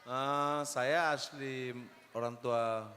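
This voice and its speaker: A man in his forties, a guest on a talk show, speaking in a relaxed way with jokes and rambling turns. His voice sits mid-pitch and carries a long hall reverb. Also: drawn-out words, a little hiss or hum. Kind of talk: casual talk show conversation. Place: mosque hall.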